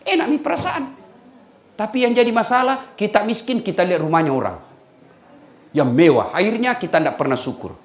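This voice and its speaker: Makassar-accented man preaching, jokey and animated, echoing room. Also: high voice, a little fast. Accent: Makassar Indonesian. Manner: jokey, addresses the audience with tag questions. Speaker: Islamic preacher. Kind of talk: humorous sermon. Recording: roomy echo.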